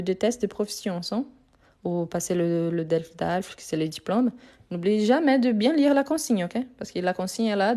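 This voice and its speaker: A woman with a mid-range voice and dark tone teaches French in a live online grammar lesson recorded on her phone. She patiently repeats answers and praises her students.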